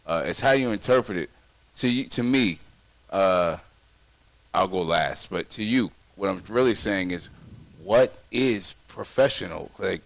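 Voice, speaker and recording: Guy cohosting a podcast, rambles and restarts, medium pitch. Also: no room sound. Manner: rambling, many repeated restarts. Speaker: podcast co-host. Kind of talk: casual chat.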